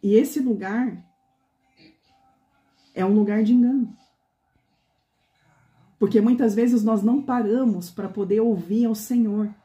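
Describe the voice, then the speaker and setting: A woman's voice: fairly high pitch, measured pace, pauses often, warm tone, echoey room. A woman pastor preaching a conversational sermon to a women's meeting, often asking the women questions.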